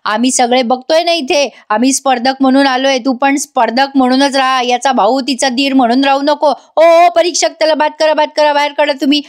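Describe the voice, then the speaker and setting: A woman doing a loud, spiteful young man crying foul. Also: high-pitched, fairly even intonation, brisk, hardly any pauses, natural voice. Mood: shouting. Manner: shouting, accusing, pushy.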